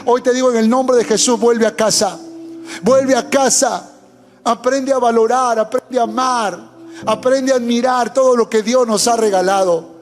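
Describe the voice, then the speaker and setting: A man's voice: very high-pitched, steady tone, moderate pace. A man preaching a sermon as pastor, fervent and urging, sharing his testimony. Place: church hall. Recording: long hall reverb with faint music.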